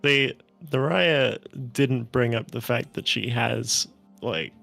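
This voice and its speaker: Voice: medium pitch, slow pace, gravelly, fairly bright tone, soft background music. A blunt, sweary player role-playing and chatting casually during a tabletop game.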